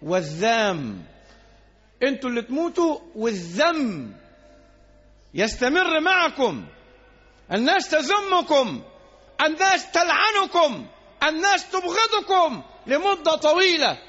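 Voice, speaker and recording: High, bright-voiced Egyptian preacher. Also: male voice, sing-song, unhurried. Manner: emphatic, with repeated rhetorical questions and loud bursts. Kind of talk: Friday sermon. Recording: dull lo-fi recording.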